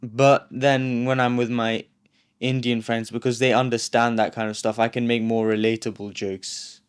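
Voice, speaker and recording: A man, answering interview questions in a thoughtful, hesitant way with frequent pauses. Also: medium pitch, level tone, smooth. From England. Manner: thoughtful, hesitant, many ums. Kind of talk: reflective documentary interview.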